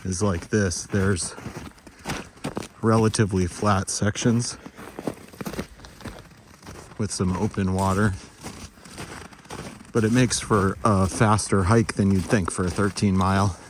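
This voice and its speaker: Low-voiced man vlogging on a noisy winter trail. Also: steady tone, slow pace, pauses often. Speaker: hiking vlogger. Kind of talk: casual outdoor gear review and trail narration. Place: outdoors on a snowy mountain trail. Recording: noisy outdoor ambience around the voice.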